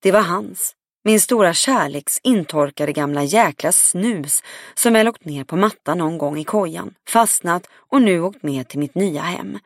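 Woman audiobook narrator, low-ish voice, even read, dry studio. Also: dry recording. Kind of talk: scripted first-person narration.

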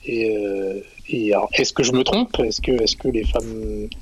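Husky hesitant man in his forties. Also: on the low side, no room sound, low-quality recording. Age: 40s. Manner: hesitant, halting, frequent fillers. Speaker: caller. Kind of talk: radio call-in chat.

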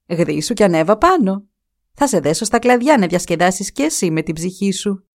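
A woman's voice: medium pitch, lively intonation, darkish tone, natural voice. A woman voicing a cunning man who tricks and mocks the hare in a storybook tale. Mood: sly. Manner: sly, mocking. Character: sly cunning man escaping a trap.

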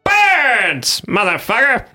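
A rasping undead lich king with a high, wildly swooping voice that drags out every word. with slow, grand menace and a bright, cutting edge. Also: wildly swooping pitch, faint music behind, heavily acted. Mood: menacing grandiose. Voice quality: rasping, croaking. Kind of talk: dramatic read-along with voices.

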